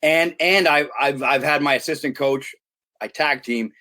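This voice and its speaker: A middle-aged American man, a youth sports consultant guesting on a podcast interview, speaks at normal speed in a slightly high, pushed and bright voice. He's earnest and emphatic, and he keeps restarting his sentences.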